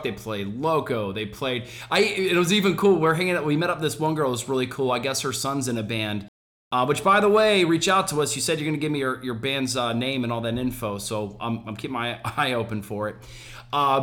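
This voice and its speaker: A man co-hosts a podcast in casual chat, telling a story with excitement. His speech is loose and full of fillers. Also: mid-range voice. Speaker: podcast co-host.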